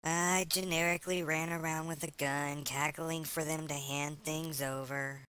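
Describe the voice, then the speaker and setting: A man's voice: a little high, flat delivery, unhurried, sharp tone, smooth. A man voicing a blunt male alien pirate.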